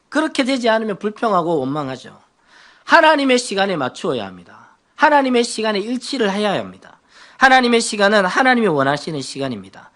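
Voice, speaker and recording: A man with a fairly high voice preaches as a pastor in a lively sermon. He keeps asking the congregation questions and answering them himself. Now and then he slips into comic impressions of people at prayer. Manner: acts out the prayers of churchgoers in a raised, joking voice.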